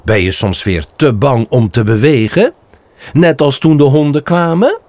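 A man's voice: mid-range voice, lively intonation, measured pace, a little mellow, dry recording, voice pushed up, natural voice. A man voicing a mocking young male deer bully in a storybook reading, sneering and taunting.

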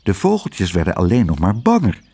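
A man reads a children's story aloud with a husky, breathy voice. His delivery is animated, rising and falling widely as he tells the tale. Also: sits low, brisk. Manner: expressive, animated reading.

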